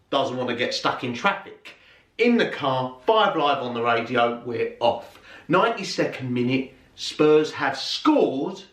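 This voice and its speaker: Man telling a rhythmic story. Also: fairly high pitch. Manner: lively, rhythmic, chant-like repetitions. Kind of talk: spoken storytelling performance. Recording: roomy, from far off.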